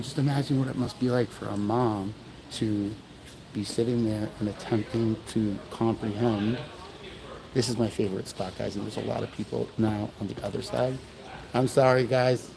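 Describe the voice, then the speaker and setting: A man's voice: on the low side, fairly even intonation, moderate pace, gravelly, crowd noise, low-quality recording. A man livestreaming at an outdoor memorial, talking earnestly to viewers in a rambling way and often apologizing. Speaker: livestream host at a memorial event. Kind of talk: emotional livestream talk.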